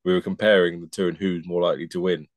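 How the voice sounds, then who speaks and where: A man's voice: low voice, little pitch movement, fast talker, no echo. A man on a casual podcast chat, dropping dry sarcastic quips. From Britain. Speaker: podcast co-host.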